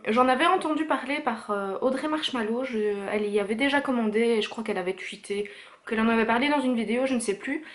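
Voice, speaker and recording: A young woman vlogger chats through her beauty haul at home, her voice a little on the high side. She talks casually with lots of little fillers and restarts, straight into the camera mic. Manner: chatty, many fillers and self-corrections.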